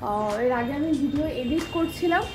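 High-pitched, fast-talking young Bengali woman. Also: expressive. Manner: chatty, talks while doing her makeup. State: tired. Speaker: vlogger. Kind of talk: casual vlog chat. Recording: music playing underneath.

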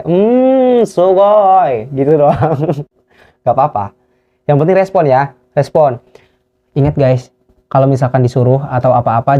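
A young man from Indonesia giving casual advice for work trainees, repeating each phrase again and again. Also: medium pitch. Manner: repetitive, drills phrases again and again. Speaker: YouTuber giving tips for work trainees in Japan. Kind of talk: casual instructional vlog. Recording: dull lo-fi recording.

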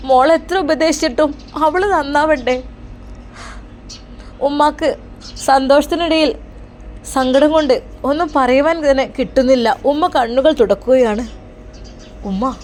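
A woman's voice: sits high, darkish tone, slight background noise. A woman narrating an emotional family story in an earnest, heartfelt way.

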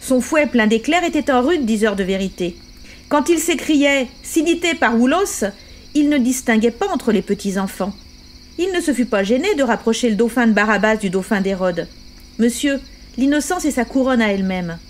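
A woman's voice: a little high, animated, normal speed, slight background noise, natural voice. A woman reading aloud as a fierce, bitter old revolutionary on his deathbed who speaks in impassioned accusations.

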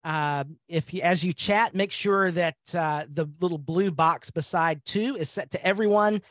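A man's voice: high-pitched, a little slow, fairly bright tone, dry recording. A man hosting a live training webinar on a video call, upbeat and conversational, with frequent fillers.

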